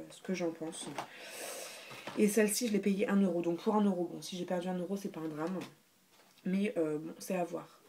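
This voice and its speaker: Chatty woman, hesitant and low-voiced. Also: darkish tone. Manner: chatty, hesitant, lots of fillers and restarts. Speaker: beauty vlogger. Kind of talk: casual haul video chat.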